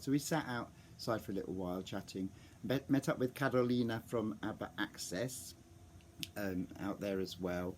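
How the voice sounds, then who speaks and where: With background noise behind him, a man with a fairly low voice recounts a vlog story casually. His telling wanders, packed with fillers and false starts, and at times he imitates the fans he overheard reacting.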